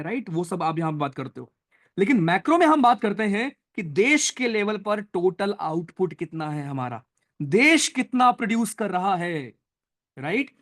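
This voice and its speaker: A young man teaching a live online class, chatty and teasing, mixing English terms into his talk. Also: high-pitched. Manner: chatty, teasing, addresses students as brothers and friends; mixes Hindi with English terms. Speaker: online exam-prep teacher.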